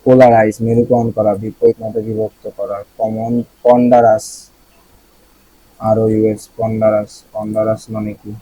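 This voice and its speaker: A man's voice: lowish voice, level tone, moderate pace, mellow, a little hiss or hum, poor audio. A young man with a Bangladeshi accent teaching vocabulary in a casual way, repeating each word and asking the listener questions. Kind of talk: explaining vocabulary.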